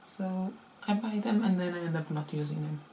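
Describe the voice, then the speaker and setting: A woman's voice: lowish voice, normal speed, dark tone, slight background noise. Woman vlogger with a rusty morning voice. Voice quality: slightly rusty, unused morning voice. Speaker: beauty vlogger. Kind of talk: casual chatty makeup tutorial.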